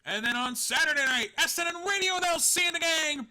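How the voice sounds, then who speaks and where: A man runs a live stream, speaking fairly quickly in a very high, pushed, bright voice with lively intonation. He chats in a rambling, self-deprecating way, laughing frequently and swearing every so often.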